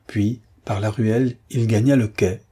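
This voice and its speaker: A man narrates a classic novel in a steady, measured rhythm. His low voice is dark and mellow, with a husky, breathy edge. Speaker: audiobook narrator. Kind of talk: scripted narration.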